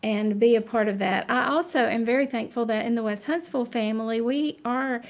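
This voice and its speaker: A woman's voice: on the high side, brisk. A woman hosting a Bible study podcast in a conversational way.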